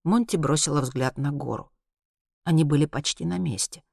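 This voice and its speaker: A man's voice: on the high side, moderate pace, creaky, darkish tone, dry recording. Man narrating an audiobook, dry sound.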